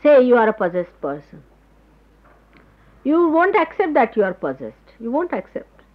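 A woman giving a spiritual talk to followers, explaining patiently and pausing to search for words, on an old tape recording. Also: a little high, very animated. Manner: explanatory, gropes for words with pauses. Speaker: spiritual teacher. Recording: dull lo-fi 1979 tape recording.

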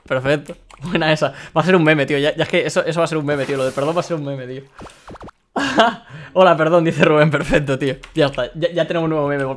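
A young man with a Spain Spanish accent streaming a game live and reading chat aloud, excitable, laughing often and stumbling over his words. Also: a little high.

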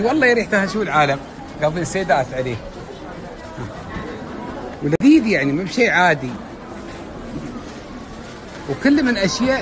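A man's voice: sits high, background noise. A middle-aged man with a Gulf Arabic accent, chatting and teasing as a travel vlogger. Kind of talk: casual vlog narration.

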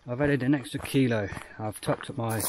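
Panting as he climbs, this Australian hiker vlogger speaks at a moderate pace in a steady, medium-pitched voice. He discusses his pack plainly, reasoning about numbers aloud, in a casual outdoor vlog with noisy sound.

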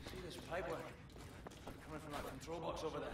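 An actor playing a gruff male soldier giving orders in video game dialogue, heard through roomy, noisy game audio. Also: fairly high pitch, fairly even intonation, fast talker, recorded from a distance. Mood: commanding.

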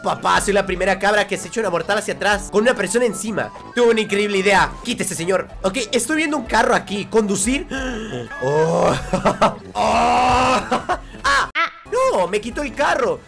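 Young male streamer, loud and excitable, jokey let's-play host. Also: high-pitched, moderate pace, vocal fry, music in the background. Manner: loud, excitable, jokey, shouts and laughs a lot. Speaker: gaming streamer.

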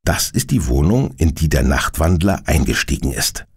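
Brief: male narrator for a children's audio drama, gravelly voice, lively tone. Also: extremely low pitch, moderate pace. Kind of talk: scripted storytelling for children.

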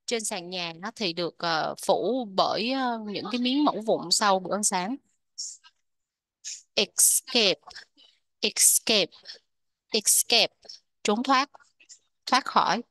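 A woman with a Vietnamese accent teaching English vocabulary, repeating each word slowly before explaining it. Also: mid-range voice, expressive, a bit bright, no echo. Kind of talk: vocabulary lesson.

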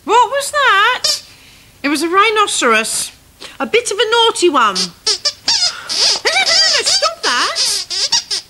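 A middle-aged woman playing a brisk, fond but exasperated scout leader in a children's comedy, giving bossy, patient instructions outdoors. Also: very high voice, wildly swooping pitch, heavy background noise, exaggerated voice. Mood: instructing. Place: outdoor garden set.

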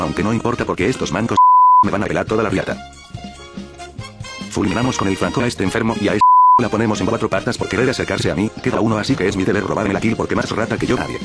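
Brief: deep-ish male narrator, blazing pace, music clear behind. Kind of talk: comic gameplay voice-over. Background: background music.

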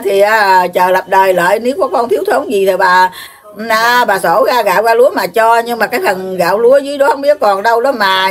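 Preachy older Southern Vietnamese woman. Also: fairly high pitch. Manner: lecturing and scolding, with drawn-out filler sounds. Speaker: self-proclaimed spiritual elder receiving visitors. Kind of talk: rambling, preachy monologue.

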